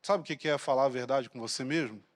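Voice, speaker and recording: A man's voice: medium pitch, fast. A man with a Brazilian Portuguese accent preaching a sermon in a blunt, colloquial, provocative way. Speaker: pastor. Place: large church hall. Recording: long reverb of a church hall.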